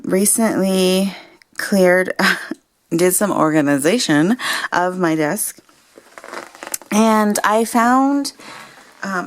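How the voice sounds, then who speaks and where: A woman's voice: medium pitch, creaky. A woman vlogging casually from her home craft desk, rambling and chatty, with a morning voice. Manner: rambling, chatty, laughs often. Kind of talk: casual chat.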